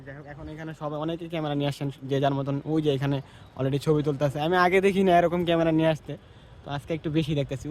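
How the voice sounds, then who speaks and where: A man chatting casually to his viewers while walking around a busy mosque compound, sometimes lowering his voice. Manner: chatty, addresses viewers as brother, hushes voice at times. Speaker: vlogger. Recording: noisy outdoor phone recording.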